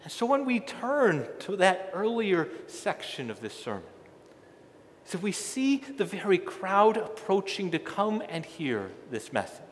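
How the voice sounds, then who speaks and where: A middle-aged pastor preaches a sermon in a large indoor church sanctuary, his high voice swooping wildly in pitch at an unhurried pace. He is emphatic and repeats phrases, swelling loud then dropping soft. Long church reverb and slight background noise fill the recording.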